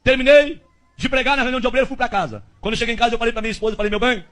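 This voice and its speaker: A male pastor preaching a testimony with a very high voice. He tells it fast and animated, acting out the people in the story as he goes. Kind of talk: sermon testimony.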